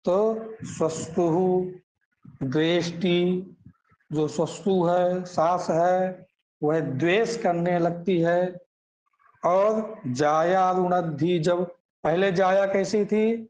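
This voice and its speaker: A man's voice: sits high, drawn-out words, darkish tone, rough recording. A man teaching scripture, chanting Sanskrit verses and then explaining them line by line, asking questions and answering them himself.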